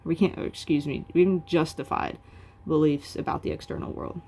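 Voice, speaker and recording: In a video lecture on philosophy, a woman with a low, warm, soft voice talks casually and chattily. Her tone stays steady with a breathy edge, and she fills pauses with lots of "um" and "like".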